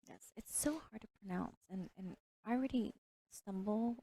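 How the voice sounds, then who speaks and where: A woman's voice: medium pitch, normal speed, vocal fry, warm tone, husky, no room sound. A woman who is not a native English speaker, chatting casually as a pool match commentator and laughing at her own jokes.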